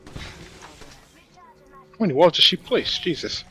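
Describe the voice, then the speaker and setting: A man playing as a teammate, making quick callouts and chatting casually during a match. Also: a little high, big pitch swings, sharp tone, slightly rough. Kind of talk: casual gameplay chat.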